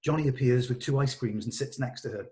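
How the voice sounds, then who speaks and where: During a video-call read-through, a man runs the rehearsal by narrating the screenplay's stage directions from the script. He talks fast in a mellow, medium-pitched voice, with a little hiss or hum audible.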